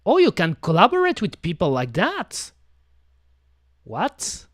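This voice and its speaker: A man's voice: high voice, huge pitch swings, slow pace, no room sound, studio quality. A man chatting casually on his stream, rambling and talking to himself with many fillers and restarts. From French-speaking. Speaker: VTuber streamer.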